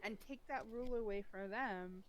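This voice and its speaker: A woman chatting casually, telling stories in an animated way and acting out what people said. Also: medium pitch, normal speed, slight background noise, poor audio. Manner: animated storyteller, acts out quotes. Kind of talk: casual chat.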